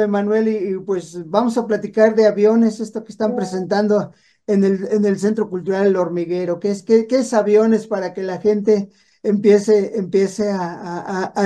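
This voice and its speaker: A man's voice: high voice, mellow. A man hosting a radio show, chatting casually and rambling with many restarts. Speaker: radio host.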